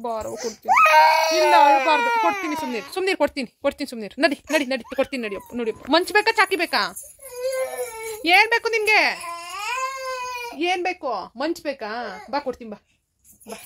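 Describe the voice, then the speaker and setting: A woman's voice: sits high, background noise. A woman speaking with a Kannada accent, coaxing and bargaining with a toddler at home in sing-song baby talk. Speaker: vlogger parent.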